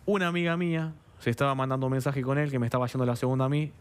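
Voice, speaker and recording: A man's voice: mid-range voice, racing, clear, resonant tone. A man from Argentina with a Buenos Aires accent, a guest on a TV studio interview, vehemently recounting events and acting out the dialogue. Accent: Buenos Aires Spanish. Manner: vehement, acts out quoted dialogue, keeps asking "understand?".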